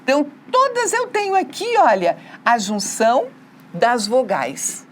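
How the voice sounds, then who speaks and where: A woman's voice: fairly high pitch, huge pitch swings, measured pace, slight background noise. A Brazilian woman teaching a remote school lesson, asking the class questions and answering them herself, with frequent tag questions. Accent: Brazilian Portuguese.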